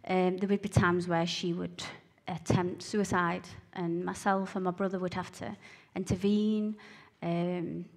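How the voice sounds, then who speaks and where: A woman's voice: on the low side, little pitch movement, vocal fry. Scottish woman with a broad Glaswegian accent. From Glasgow, Scotland. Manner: earnest, halting storytelling with repeated phrases for emphasis. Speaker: speaker giving a testimony. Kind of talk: personal testimony told to listeners.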